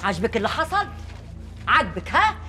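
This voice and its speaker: An actress with an Egyptian accent playing a fiercely protective, sharp-tongued mother in a TV drama. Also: on the high side, very animated, a little fast, slight background noise. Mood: scolding. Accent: Egyptian Arabic. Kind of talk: TV drama acting.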